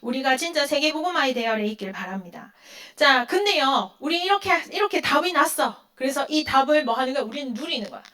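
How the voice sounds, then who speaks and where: A woman's voice: high voice, lively intonation, a little fast, hardly any pauses, bright, forceful tone. A woman giving a sermon to a youth group, asking her listeners questions and then answering them herself, and acting out the quoted lines. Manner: acts out quoted lines in a dramatic voice. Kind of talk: sermon to teenagers.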